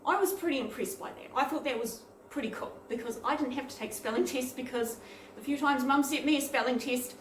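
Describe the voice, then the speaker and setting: A woman vlogger with a high, brisk voice tells a funny story from her childhood, poking fun at herself in a lively, lightly amused way. She sounds off-mic and far away, with roomy echo and faint noise.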